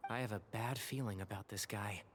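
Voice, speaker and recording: A man's voice: fairly low pitch, brisk, noisy background, lightly acted. An actor playing a polite, guarded young male traveller in a video game, speaking earnestly. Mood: wary.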